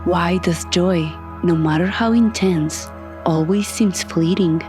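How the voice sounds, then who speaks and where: In a soft, breathy, lowish voice, a woman narrates a scripted guided meditation, calm and soothing, leaving deliberate long pauses. Music plays in the background.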